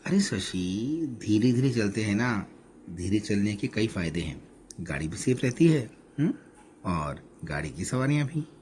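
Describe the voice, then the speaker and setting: Man playing a calm, patient husband. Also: on the low side, measured pace, a little hiss or hum. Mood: reassuring. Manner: soothing, patient. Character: calm, gentle middle-aged husband who soothes his wife.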